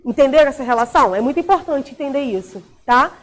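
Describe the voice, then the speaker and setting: A woman's voice: high-pitched, animated, fast. A woman teacher with a Brazilian Portuguese accent, explaining a recorded grammar lesson and checking in often with short tag questions.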